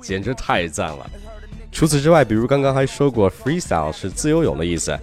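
Lively low-voiced man teaching English pronunciation. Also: faint music behind. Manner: lively, slow careful demonstration of words. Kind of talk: podcast pronunciation lesson.

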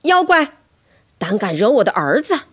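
A woman voicing a fierce, protective mother in a bedtime story, scolding loudly. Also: fairly high pitch, very animated, normal speed, slightly rough, pitched above the performer's own voice, full character voice. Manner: loud, scolding.

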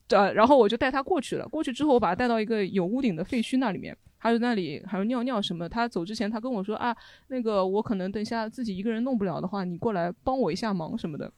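A woman from Shanghai co-hosting a podcast, telling a childhood story with wry, deadpan asides. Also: a little high, no echo, studio quality. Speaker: podcast co-host. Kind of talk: casual storytelling chat.

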